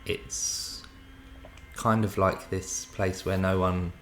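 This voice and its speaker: A man's voice: low voice, flat delivery, slow, a bit bright, soft background music. A man, talking casually as a guest in an interview. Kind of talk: casual chat.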